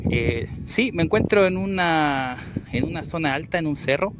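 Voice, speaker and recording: Over heavy noise, a man with a Chilean accent and a medium-pitched voice speaks politely while running a ham radio for a casual outdoor vlog. He's an amateur radio operator and vlogger, courteous in manner, using call signs and the phonetic alphabet. He's recording outdoors on a windy hilltop.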